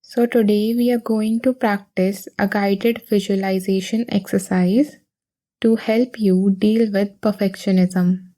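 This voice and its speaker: In a steady, mid-range voice, a woman leads listeners through a guided meditation. Her delivery is calm and soothing, slow and gentle, broken up by lengthy silences.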